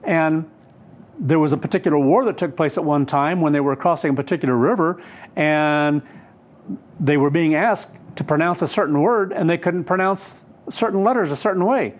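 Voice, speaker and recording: A man's voice: fairly high pitch, normal speed. Earnest rambling male Bible teacher. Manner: rambling, self-correcting, earnest.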